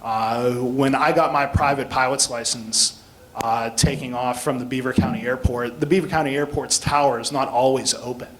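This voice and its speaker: Giving an informal talk as a guest speaker, an American air traffic control instructor explains plainly and fields questions from listeners. He speaks at normal speed with a medium pitch, fairly even intonation and a fairly bright tone, though the recording is rough.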